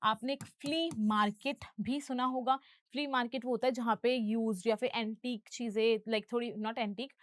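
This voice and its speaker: A woman's voice: a little high, dry recording, clean studio sound. A woman English teacher explaining film dialogue in a lesson, patient and going through each term step by step.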